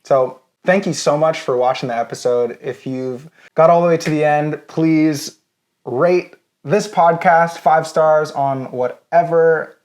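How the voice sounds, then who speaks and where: A man's voice: on the high side, a little slow, darkish tone. A man co-hosting a podcast in casual chat, loose and joking, with lots of filler words. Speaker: podcast co-host.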